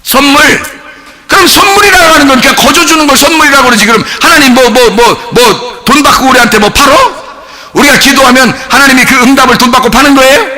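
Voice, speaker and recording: A male pastor preaching a sermon in church. He keeps asking the congregation questions and at times breaks into shouting. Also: extremely high pitch, quick pace. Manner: animated, rhetorical questions to the congregation, bursts of shouting.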